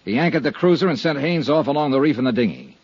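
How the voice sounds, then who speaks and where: A hard-boiled insurance investigator with a husky, lively delivery that swings up and down. The sound is dull and lo-fi like an old radio broadcast, dry with faint music behind. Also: male voice, mid-range voice, fast talker, dry recording. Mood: accusing. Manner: clipped, sardonic, world-weary. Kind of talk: 1950s radio drama acting with narration.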